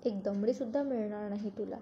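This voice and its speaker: A woman's voice: medium pitch, fairly quick, warm tone, close to an everyday voice. A woman voicing an angry, accusing young bride in a spoken serial recap, in a slightly muffled recording with faint noise.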